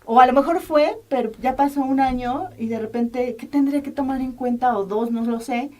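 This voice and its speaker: A woman's voice: high voice, moderate pace, mellow. A woman host with a Mexican accent, asking a doctor questions in a chatty way with many restarts. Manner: conversational, restarts and repeats while asking. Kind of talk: interview, health program.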